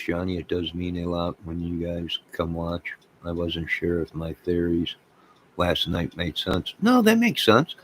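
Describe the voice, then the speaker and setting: A deep-voiced American man hosts an online channel, delivering an opinionated, emphatic rant to his viewers through a rough recording. He often repeats phrases for weight and sarcastically mocks opposing views.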